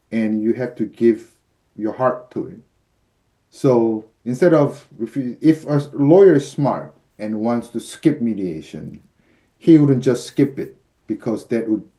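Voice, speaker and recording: An American man in his fifties with a warm, mid-range voice appears as a guest arbitrator, explaining his field in interview answers. He speaks over a video call webcam from an indoor office lined with shelves and uses frequent fillers.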